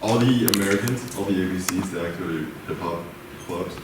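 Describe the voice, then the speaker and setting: A young man student talking quickly and jokingly in a group discussion. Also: low voice. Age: young adult. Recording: echoey room, distant mic, loud background noise.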